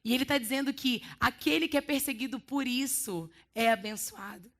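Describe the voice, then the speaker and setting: A woman with a Brazilian Portuguese accent preaching a sermon in a church, telling stories in a lively way with playful quoted voices. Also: high voice, normal speed. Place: church hall.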